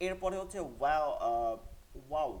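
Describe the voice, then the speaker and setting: A man leads an online recitation lesson. His voice sits a little high for a man but sounds mellow and dark. He explains patiently and repeats each sound so students can copy it. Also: expressive, moderate pace. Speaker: Quran recitation teacher.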